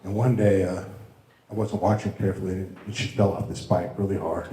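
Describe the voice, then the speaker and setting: Middle-aged man giving a halting wedding toast. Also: deep voice, level tone, mellow, slight background noise. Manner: halting, rambling storytelling with restarts. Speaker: father of the bride. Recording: echoey room.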